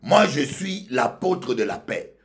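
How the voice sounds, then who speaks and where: A male pastor from Congo, preaching a sermon that swings from loud outbursts to low murmurs. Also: sing-song, slow pace.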